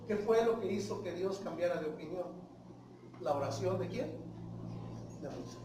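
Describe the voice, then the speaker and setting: A man's voice: high-pitched, animated, moderate pace, noisy background. A man with a Mexican Spanish accent preaching a sermon in a church, emphatic, often calling out to his listeners and asking them questions. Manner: emphatic, repeats "hermanos", asks the congregation questions. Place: church hall. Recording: very echoey church hall from far off.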